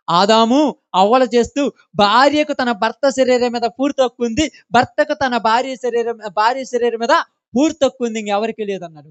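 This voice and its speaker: A man's voice: very high-pitched, no echo, highs cut off. A man preaching a sermon, scolding the congregation with impassioned rhetorical questions. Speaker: pastor.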